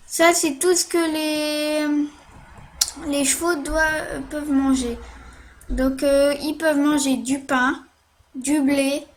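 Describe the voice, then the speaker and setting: Slow, high-voiced woman explaining a game. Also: slight background noise. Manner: hesitant, many fillers and "hop" while playing. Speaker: game tutorial narrator. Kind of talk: casual screen-recorded game tutorial.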